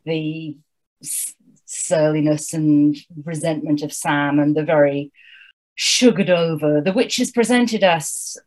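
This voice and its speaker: With a low voice and a slow pace, this podcast co-host chats about books in a casual, wry, thoughtful way. When she reads passages aloud, she savors them as a lively reader.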